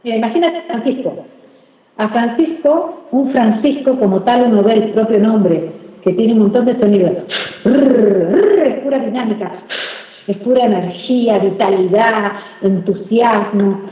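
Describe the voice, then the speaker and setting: A woman from Argentina talks as a guest speech therapist. She is measured and deliberate and stretches sounds out to demonstrate them. The recording is roomy and a bit dull, like lo-fi audio. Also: on the high side. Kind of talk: explanatory interview talk.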